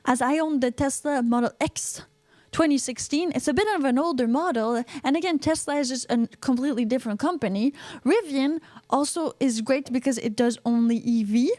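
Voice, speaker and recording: A woman's voice: high voice, brisk, a little mellow, dry recording. A woman from Quebec with a Québécois French accent, hosting a casual live podcast and chatting through viewer comments, often repeating words as she reads. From Quebec, Canada. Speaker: podcast host reading live chat. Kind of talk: casual livestream chat.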